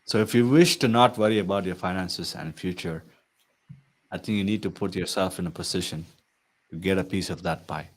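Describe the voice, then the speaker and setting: A man coaching in IT consulting gives viewers a promotional talk, speaking earnestly and persuasively in a low voice at a slightly fast pace. He frequently ends sentences with "right?".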